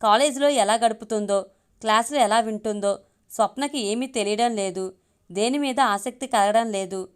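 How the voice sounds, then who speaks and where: A woman narrating a romance audio story, reading it aloud in a steady, even way. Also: fairly high pitch, normal speed, clean tone.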